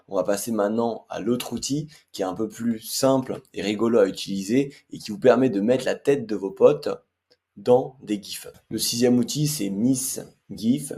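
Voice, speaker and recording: Low-voiced chatty man demoing software. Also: breathy edge. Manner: chatty, many filler hesitations. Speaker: tech tutorial host. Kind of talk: casual screen-share tutorial.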